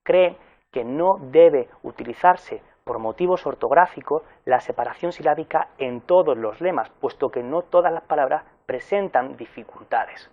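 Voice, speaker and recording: A man giving a recorded university lecture in an explanatory way, pausing with fillers and correcting himself as he goes. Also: on the high side, highs cut off.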